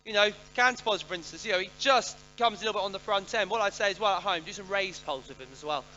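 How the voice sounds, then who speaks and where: A man working as a riding coach gives live instruction in brisk, projected commands. His voice is very bright and forceful and sits on the high side. The recording is muffled and band-limited, with music in it. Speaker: riding coach giving a jumping and pole clinic.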